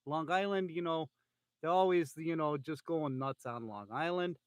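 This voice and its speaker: A Californian man hosts a casual podcast chat, talking into an iPhone in a fairly high voice at normal speed with no echo. A bit loopy on pain pills, he rambles along with lots of fillers and restarts.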